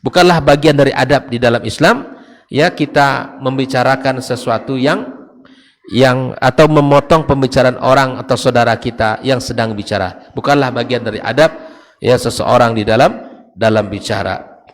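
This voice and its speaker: A man, giving an unhurried Islamic study lecture. He explains Arabic quotes in plain everyday speech and puts questions to his listeners. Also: medium pitch. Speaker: ustadz giving a study talk. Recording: long hall reverb.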